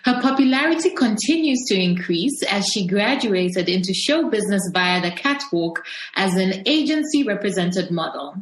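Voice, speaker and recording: A woman hosting a podcast, giving a cheerful, welcoming introduction and then asking a guest questions. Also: medium pitch. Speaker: podcast host. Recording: echoey room.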